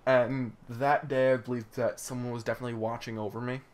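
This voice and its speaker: A man's voice: medium pitch, little pitch movement, a little fast. A young man speaking earnestly with many fillers, hosting a casual chat. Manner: earnest, hesitant, lots of fillers. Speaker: host.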